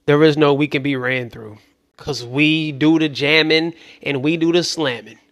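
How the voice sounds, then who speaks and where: A man's voice: a little high, fairly even intonation, moderate pace, a bit bright, dry recording. A man hosting casual reaction commentary, loose and joking, sometimes dropping into mutters. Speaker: commentary host.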